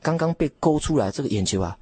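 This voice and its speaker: A young man, a theology student, telling his testimony emphatically in a radio interview, with many drawn-out fillers. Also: fairly high pitch, expressive, mellow, breathy edge, no room sound. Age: young adult.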